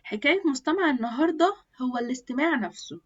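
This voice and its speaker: A woman's voice: sits high, animated, fast talker, lo-fi sound. A woman with an Egyptian Arabic accent teaching English in a chatty spoken lesson, modelling English words aloud as she explains.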